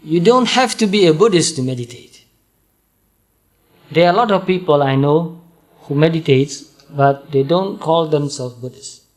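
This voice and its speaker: A man from Burma with a Burmese accent, giving a calm, patient dharma talk and repeating points slowly. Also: a little high. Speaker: Buddhist monk teacher.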